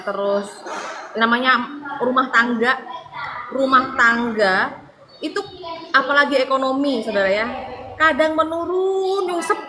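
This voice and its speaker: A woman from Madura preaches to her live-stream audience in an earnest, pleading way, her voice sitting a little high and sometimes close to tears. She is picked up on a phone, with clear background noise under her. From Madura, Indonesia. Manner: earnest, pleading, tags most phrases with "ya"; emotional, near tears at times. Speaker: evangelist.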